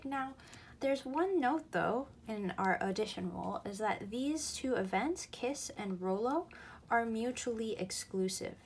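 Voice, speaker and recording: Woman teacher walking through a math lesson, gravelly voice, slight hiss behind. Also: fairly high pitch. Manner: patient, steady explaining, repeating key points. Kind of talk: recorded lesson explaining probability.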